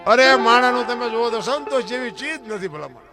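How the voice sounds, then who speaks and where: A man's voice: very high-pitched, fairly quick. A man giving a folksy moral talk as a folk storyteller, throwing rhetorical questions at his listeners. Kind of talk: folk moral discourse to an audience. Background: instrumental string music.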